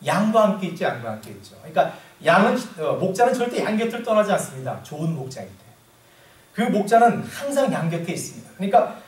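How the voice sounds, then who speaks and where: Emphatic Korean pastor in an echoey hall. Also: male voice, high-pitched, sing-song, distant mic. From South Korea. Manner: slow, emphatic scripture reading with congregation asides. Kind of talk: sermon.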